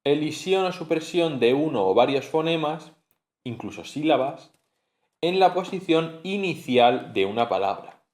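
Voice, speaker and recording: A man's voice: on the high side, expressive, measured pace, a little mellow. A man giving a spoken phonetics lesson, explaining patiently and repeating sounds and example words aloud. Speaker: teacher.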